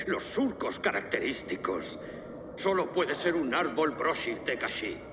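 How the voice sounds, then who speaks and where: A man voicing a curious, thoughtful young male adventurer in a dubbed video game, with a gravelly voice, heard as distant game audio under noise. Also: medium pitch, big pitch swings, takes it slowly. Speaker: game character.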